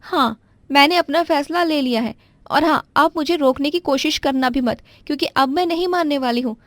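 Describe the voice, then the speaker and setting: A woman voicing a scheming young wife who lies and stammers out excuses in a high voice. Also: measured pace, dry recording. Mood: defiant. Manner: high, pleading, fibbing with stammers.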